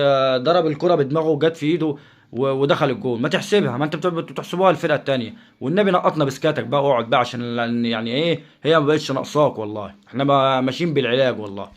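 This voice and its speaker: A man with an Egyptian Arabic accent hosting his own channel, ranting combatively about football and firing off repeated rhetorical questions. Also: a little high. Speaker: football commentator and channel host. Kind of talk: heated solo rant to camera.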